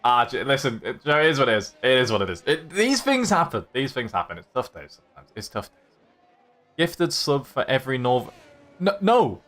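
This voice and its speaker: Chatty young man, lively pitch. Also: moderate pace. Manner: chatty, jokey, teasing banter with viewers. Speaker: league host and commentator. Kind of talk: live-streamed racing commentary, chatting with chat.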